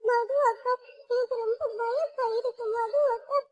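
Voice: very high voice, steady tone, unhurried. A girl voicing a frightened little girl who whimpers and pleads to go home. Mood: scared.

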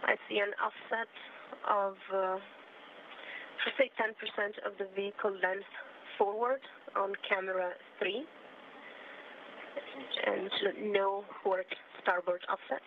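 A woman astronaut giving a measured, halting technical report to ground control over a crackly space-to-ground radio link. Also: mid-range voice, fairly even intonation. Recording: tinny radio line with faint hiss.

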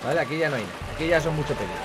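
A man's voice: fairly high pitch, lively intonation, very fast, noisy background. A young man with a Spain Spanish accent giving rambling, casual gameplay commentary, swearing often and talking to his viewers. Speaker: gaming channel host. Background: game music.

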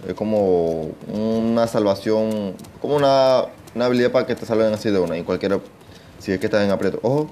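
A young man giving casual gameplay commentary, excitable, swearing often and talking to himself. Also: on the low side, a little fast, slight background noise. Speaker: gaming channel host.

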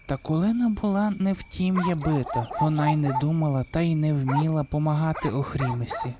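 A man reading a gothic folk tale aloud in a measured, deliberate way. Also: on the high side, noisy background. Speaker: audiobook reader. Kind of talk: scripted storybook narration.

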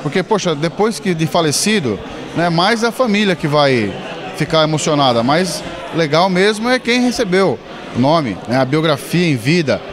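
A man's voice: a little high, very animated, moderate pace. Male councilor, enthusiastic interview answer, busy room chatter. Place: council chamber. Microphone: handheld mic held by interviewer. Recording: crowd chatter behind.

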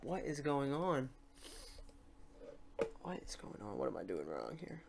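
This tutorial host has a gravelly, mid-pitched voice and a sing-song delivery at a measured pace, narrating a screen recording informally and unscripted, rambling a little while reasoning aloud through each software step. The background is noisy.

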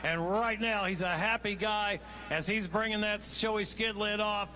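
A man's voice: high-pitched, fairly even intonation, normal speed, pushed and bright, a little hiss or hum. A middle-aged man working as a podium interviewer at an outdoor race, rousing the crowd on a handheld microphone. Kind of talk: event announcing and winner interview. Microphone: handheld event microphone.

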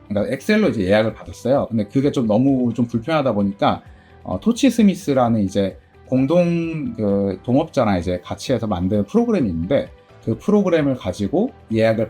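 A middle-aged man who owns a game shop, answering interview questions in a chatty way, full of fillers. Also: husky. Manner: chatty, many fillers, lively pitch. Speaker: game store owner.

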